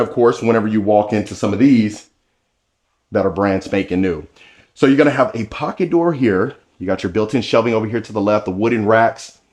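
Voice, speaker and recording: A man's voice: on the low side, darkish tone. Enthusiastic man giving a house tour. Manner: enthusiastic, salesy, addresses viewer directly. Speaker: home tour host. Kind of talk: walkthrough house tour narration. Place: indoors, new model home.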